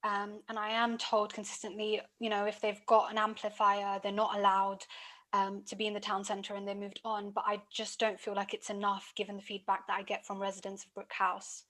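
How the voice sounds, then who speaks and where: A woman speaks as a councillor in a committee meeting, earnest and pausing often. Her pitch hardly moves, giving a flat, even delivery. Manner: earnest, many "um" pauses.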